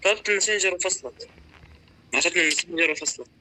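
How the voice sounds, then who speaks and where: Young male, Levantine Arabic accent. Slightly high, very forceful voice, casual animated storytelling, faintly noisy recording. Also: very fast. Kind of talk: casual chat on a prank call.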